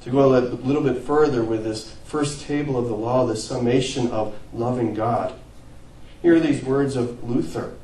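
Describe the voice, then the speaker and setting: A pastor preaching a sermon in earnest, swelling to emphatic peaks and sinking to quiet phrase ends. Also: male voice, medium pitch, normal speed, echoey room, far from the mic, poor audio. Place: church sanctuary.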